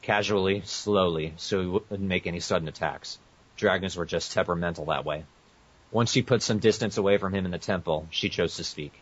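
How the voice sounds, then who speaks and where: A man co-hosting a podcast reads fan fiction aloud, adding casual asides and often stumbling over words and correcting himself. His voice is low-pitched and husky, fairly quick, and the audio is muffled, echoey and lo-fi.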